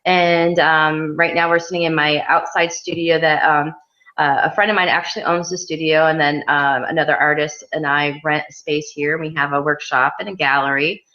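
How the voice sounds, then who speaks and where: A woman artist from Western New York, working in mixed media, chats casually as a guest in an interview at an outdoor art studio, laughing easily and dropping plenty of ums. Her voice is low and sharp, delivered flatly at a moderate pace. The recording has a dull, lo-fi quality.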